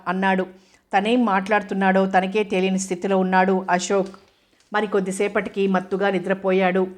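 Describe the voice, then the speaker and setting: A woman reading a novel aloud as audiobook narrator, steady and even. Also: mid-range voice.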